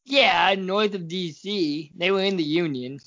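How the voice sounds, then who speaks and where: A man's voice: sits high, unhurried, a bit bright. A man co-hosting a podcast, chatting casually in an easygoing, agreeable way, from Oregon. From Oregon, USA. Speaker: podcast co-host. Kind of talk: casual chat. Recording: dry, dull lo-fi sound.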